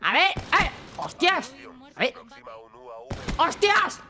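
A man with a Spain Spanish accent voicing a camp, flamboyant, cocky, lewd male soldier in theatrical, taunting gameplay commentary, with shouted catchphrases. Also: very high-pitched, wildly swooping pitch, slow pace, a little hiss or hum, exaggerated voice. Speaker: gaming YouTuber. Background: game music.

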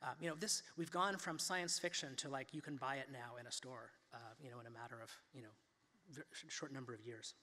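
A man's voice: mid-range voice, fairly even intonation, brisk, sharp tone, in a large hall, a little hiss or hum. A man in his fifties giving a conversational keynote talk at a lectern, with many fillers and restarts. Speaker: keynote speaker. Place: large auditorium, standing at a lectern. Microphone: lectern microphone.

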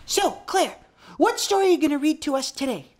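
A woman's voice: high-pitched, lively intonation, brisk, a little mellow, voice pushed up. A woman voicing an eager, curious young listener who keeps asking the storyteller questions.

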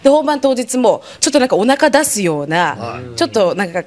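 A woman's voice: fairly high pitch, very animated, brisk, darkish tone. A woman telling a comic story in a polite, chatty way. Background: studio audience.

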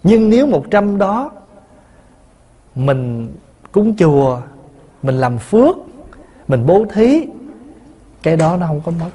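Monk giving a chatty sermon. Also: male voice, on the high side, big pitch swings, slow pace, long pauses, mellow, breathy edge. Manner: conversational storytelling with rhetorical questions. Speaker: Buddhist monk teacher. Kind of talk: Buddhist dharma talk.

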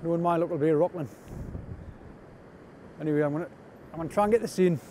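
A man on a windy night shore, an angler vlogger from North East England, gives casual, chatty fishing narration that is understated and self-deprecating. Rain is falling over the rocky shore. His voice leans high with a warm tone and a quick pace, and the outdoor camera audio catches faint wind noise.

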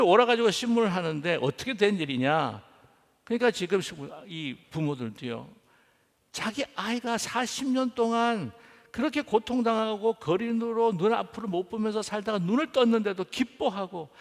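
A man's voice: sits high, gravelly. A man preaching a sermon as pastor, telling stories and acting out their dialogue. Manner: acts out the dialogue of the people in his stories. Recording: long hall reverb.

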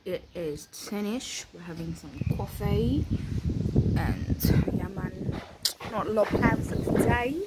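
A woman's voice: mid-range voice, a little slow, very noisy. Young woman vlogging casually. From South Africa. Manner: chatty, slangy, drops to whispers at times. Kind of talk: casual travel vlog. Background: background music.

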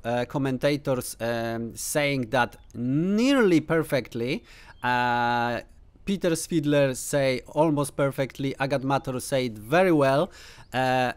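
Sitting in a room at home lined with bookshelves, a native Polish speaker in his thirties commentates a chess game to camera in a mid-range voice with a Polish accent. He's unhurried and thinks aloud, filling gaps with plenty of "uh" and tossing in playful, teasing asides.

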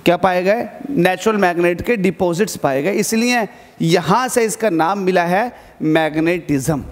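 A man's voice: sits high, a little slow, long reverb tail. A male physics teacher giving an exam-prep lesson to students, urging them on and repeating key points as he asks and answers his own questions.

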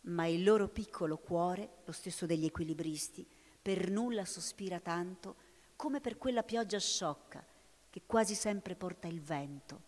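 A woman voicing an astonished, gentle male poet who stammers at times, in a storybook reading recorded in a hall with long reverb. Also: on the low side, a little slow. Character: amazed gentle male poet, dreamy and kind.

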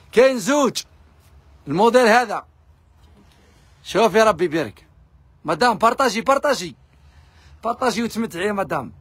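A man with an Algerian accent, pitching fabric discounts in a pushy live sales video. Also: fairly bright tone, slightly rough. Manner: rapid, pushy hawking to viewers. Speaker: fabric shop seller.

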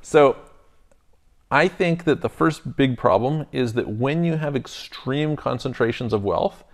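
A man in his thirties co-hosts a relaxed podcast debate, working through his argument step by step and restarting his sentences often. His voice has a gravelly rasp at mid pitch. He is recorded on a lapel mic in a lounge studio set. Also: a little slow. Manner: thoughtful, restarts often, argues in steps. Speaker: podcast co-host. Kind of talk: casual debate chat.

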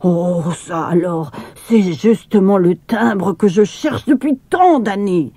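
A woman voicing a delighted village priest who speaks soft and marvelling in a storybook. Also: medium pitch, lively intonation, takes it slowly, breathy edge, no echo. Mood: amazed.

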